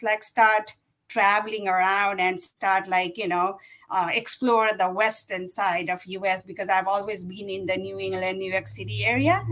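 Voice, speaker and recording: A woman's voice: medium pitch, a bit bright, low-quality recording. A woman, a guest chatting casually and rambling with many fillers. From Nepal. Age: 40s. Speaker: guest runner. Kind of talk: casual interview chat.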